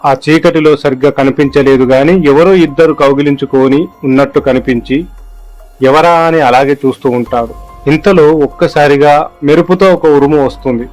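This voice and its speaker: A man reading a scripted horror story aloud as narrator, voicing the characters' lines in his own voice. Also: fairly high pitch.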